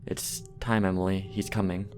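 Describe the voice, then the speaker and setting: A man voicing a calm, murderous mother in a horror story reading, speaking nonchalantly with quiet menace. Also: deep voice, normal speed. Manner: nonchalant, soft-spoken menace. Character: cold, calm murderous mother, middle-aged woman. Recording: music playing underneath.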